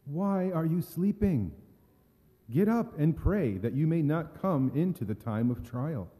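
A man playing a solemn, gentle Jesus in a dramatic scripture reading, measured, earnest and subdued. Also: a little high, lively intonation. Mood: reproachful. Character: Jesus, solemn, gentle teacher facing betrayal and death. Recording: echoey hall with long reverb.

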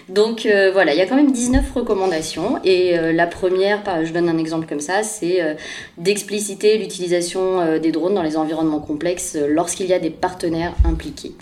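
Co-hosting a laid-back news podcast, this woman speaks at a normal speed in a lowish, slightly mellow voice. She's hesitant, leans on fillers, and pokes fun at herself.

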